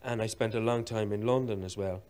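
Low-voiced Irish man, hesitant storyteller. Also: steady tone, fairly quick, a little mellow. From Ireland. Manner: hesitant, many ums and uhs, wry storytelling. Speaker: actor interviewed as guest. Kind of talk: anecdotal interview chat. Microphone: television studio microphone.

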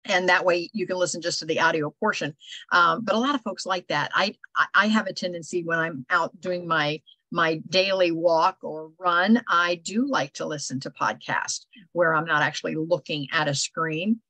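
A woman's voice: fairly low pitch, normal speed, pushed and bright, no room sound, low-quality recording. An older woman, hosting a casual video call meetup, chatty and rambling with lots of fillers. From Ohio. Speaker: host. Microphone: video call microphone.

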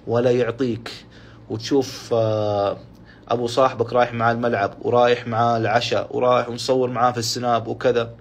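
Impassioned preacher. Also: male voice, mid-range voice, slight background noise. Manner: impassioned, repeats words for emphasis. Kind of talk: live-streamed sermon storytelling.

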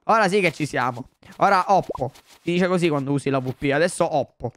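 A young man commenting on a video game for his viewers, excitable and full of exclamations. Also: on the high side, a little fast, no echo. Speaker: gaming YouTuber. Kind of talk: Let's Play commentary.

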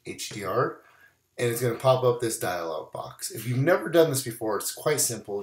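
A mid-range male voice, heard with some reverb, guides viewers through editing a photo in a screen-recorded tutorial. He's getting over bronchitis and sounds relaxed and casual, leaning on "we're gonna" again and again.

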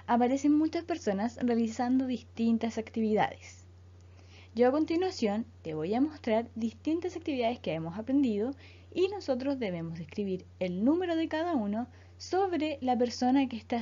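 Lady teaching a class, slow and clear, mellow kinda high voice. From Chile. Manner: slow, clear teacher delivery, repeating words for students. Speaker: English teacher. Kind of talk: school lesson narration. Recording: dull lo-fi voice recording.

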